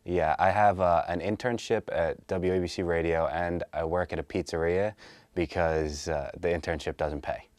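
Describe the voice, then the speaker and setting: Low-voiced hesitant man in his twenties. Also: fairly even intonation, normal speed, darkish tone, no echo. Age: 20s. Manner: hesitant, many fillers and restarts. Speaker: interviewee. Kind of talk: casual interview answers.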